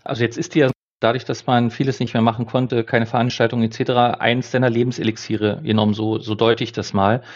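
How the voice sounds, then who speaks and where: A man interviewing a guest, summarizing his answers and probing with measured questions. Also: mid-range voice, level tone, lo-fi sound.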